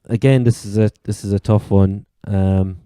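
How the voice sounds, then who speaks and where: A man's voice: fairly low pitch, fairly even intonation, normal speed, warm tone, clear, resonant tone, no echo, clean studio sound. A man with an Irish accent from Cork, hosting a casual sports chat. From Ireland. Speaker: sports podcast host.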